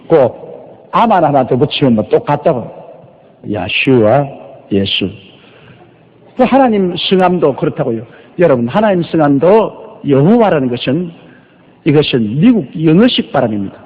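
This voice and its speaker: Older male pastor preaching in echoing hall. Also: on the high side. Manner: storytelling, rhetorical questions, drawn-out emphasis. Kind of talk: sermon, Bible exposition. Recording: lo-fi recording with long reverb.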